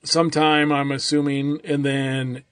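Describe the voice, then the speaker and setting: A man's voice: fairly high pitch, level tone, unhurried, a bit bright, clear, resonant tone. A man co-hosting a casual movie-review podcast, rambling and loose, with lots of "like" and "I mean". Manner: rambling, full of "like" and "I mean", restarts a lot. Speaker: podcast co-host.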